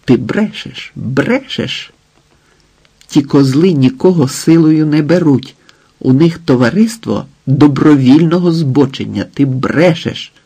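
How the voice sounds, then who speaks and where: A raging jealous husband in an audiobook, yelling coarse accusations, as a male narrator puts him on. The voice is gravelly and a little husky, and the words come out slow and heavy. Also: on the high side, exaggerated voice. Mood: mocking, accusing. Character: furious jealous husband, young adult man.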